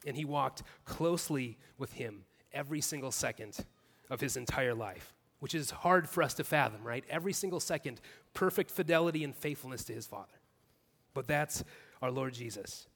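A man's voice: mid-range voice, expressive, normal speed, creaky, a bit bright, slightly rough, in a large hall. A man preaching a sermon as pastor, earnest, building his points in repeated clauses. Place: church.

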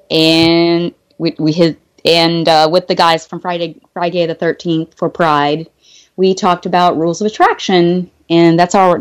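Giggly, hesitant woman podcast guest. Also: fairly low pitch. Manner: laughing, hesitant, many fillers. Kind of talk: casual chat.

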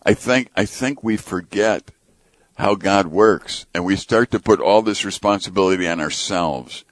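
Low-voiced man, earnest radio guest. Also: a little slow, dry recording. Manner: earnest, animated storytelling, acts out quotes. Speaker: ministry president and radio guest.

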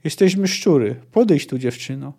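A man voicing a gloomy young male gang leader, read aloud in a gruff, commanding way. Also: fairly high pitch, expressive, moderate pace, mellow, heavily acted.

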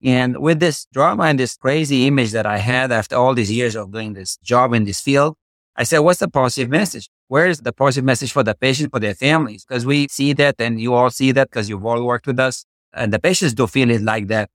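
A man's voice: mid-range voice, brisk, fairly bright tone, no room sound, studio quality. A middle-aged man with a Romanian accent, a guest doctor explaining his field with passion and rhetorical questions in a podcast interview. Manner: passionate, uses boxing analogies, rhetorical questions. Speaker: guest cardiologist.

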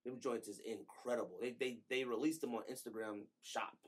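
A man's voice: medium pitch, steady tone, a little fast, breathy edge. A man in his thirties co-hosting a podcast, giving emphatic, slangy opinions in casual chat. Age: 30s. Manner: emphatic, slangy, counts down rankings. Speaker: podcast co-host.

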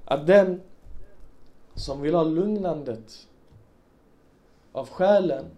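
A man's voice: a little high, warm tone. A man giving a religious talk to a congregation, telling stories and putting questions to his listeners. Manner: storytelling with rhetorical questions to listeners. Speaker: preacher.

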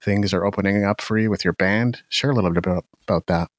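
Man, podcast host, low voice, relaxed chatty delivery, dry close sound. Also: fast, no echo. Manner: relaxed, chatty, laughs often. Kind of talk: casual interview chat.

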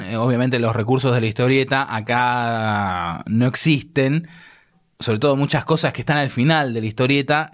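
Rambling Argentine man, casual podcast chat. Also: medium pitch. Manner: rambling, restarts phrases often. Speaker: podcast co-host.

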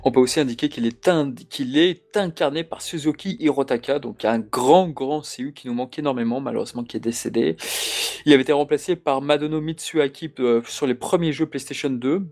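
A man hosting a casual chat, talking with animated enthusiasm. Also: mid-range voice, fairly quick.

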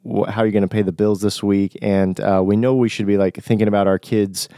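A young podcast host, recovering from flu with a stuffy nose, talks casually on his own in a nasal, congested voice, using buddy-like slang. His fairly low voice is flat, mellow, and a little fast. The sound is clean studio audio with no echo.

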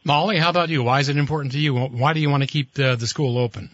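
A man's voice: mid-range voice, fairly even intonation, quick pace, fairly bright tone, dry recording. A man hosting a live radio talk show, reading sponsor messages and questioning guests in a conversational way. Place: radio studio. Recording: slightly dull studio broadcast.

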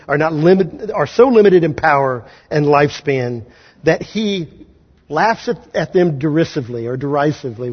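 A man preaching a sermon as pastor, talking conversationally and slipping into quick acted asides. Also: on the high side, husky. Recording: dull audio in a large hall.

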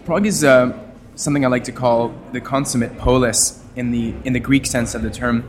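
A man from Canada speaks as a guest on an interview podcast, at an ordinary pitch for a man. He talks at length in a wordy, expressive way, bending his voice as he goes. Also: brisk. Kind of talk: casual interview talk.

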